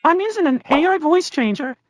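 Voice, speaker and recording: A woman's voice: sits high, expressive, fairly quick, slight background noise, voice pushed up. A woman voicing a cheerful, friendly male cartoon mouse through an AI voice changer, chirpy and giggly. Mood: chipper. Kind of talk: cartoon character greeting.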